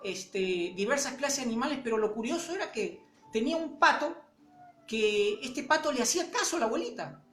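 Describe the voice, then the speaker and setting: Brief: conversational woman preacher, a bit high, echoey room with faint music. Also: fairly bright tone. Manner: conversational, many fillers and pauses. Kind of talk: sermon with storytelling.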